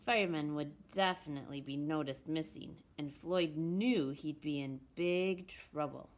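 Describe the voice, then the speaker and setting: A woman reads a children's picture book aloud in an expressive storytelling manner, with deliberate pauses and emphasis. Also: sits low. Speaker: elementary school storytime reader.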